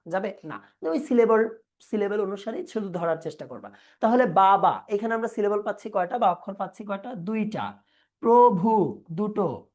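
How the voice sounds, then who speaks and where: A young adult woman, teaching a live online class and asking questions that she then answers herself. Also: mid-range voice.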